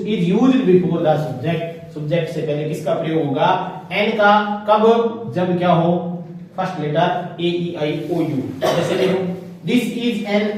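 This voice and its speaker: A man with a high voice teaches a grammar lesson, asking questions and answering them himself. The sound is very echoey, as if he stands some way from the mic in a bare room. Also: a little mellow, far from the mic. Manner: asks and answers his own questions, repeating key words. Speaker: English teacher. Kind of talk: grammar lesson explained in Hindi.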